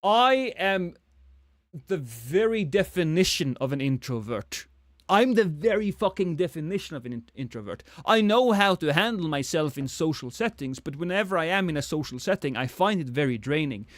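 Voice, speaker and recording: In studio-quality audio with no echo, a Norwegian man's slightly high, expressive voice moves at normal speed. He chats casually during a game livestream, reading chat in a lightly British-tinged accent, poking fun at himself and often starting sentences over.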